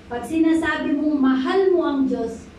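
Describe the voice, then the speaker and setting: High-voiced woman pastor preaching. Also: moderate pace, darkish tone, slight background noise. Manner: preaching with call-and-response amens, mixing English in. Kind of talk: sermon. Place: church hall. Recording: echoey hall, voice from far off.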